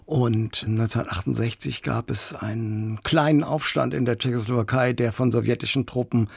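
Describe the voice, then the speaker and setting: Husky, gravelly male radio host. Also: medium pitch, steady tone, normal speed, no echo, studio quality. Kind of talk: radio interview. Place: radio studio. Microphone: studio microphone.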